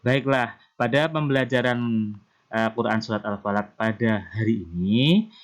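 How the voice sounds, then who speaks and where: A male primary school teacher with an Indonesian accent, patiently explaining Quran recitation rules to children and chanting verses slowly. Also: medium pitch. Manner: slow, patient explaining, often starting with "nah".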